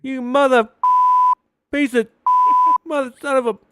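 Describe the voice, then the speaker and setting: A man putting on a furious Old West man who sputters loud insults. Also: very high voice, fairly even intonation, unhurried, very noisy, voice pushed up.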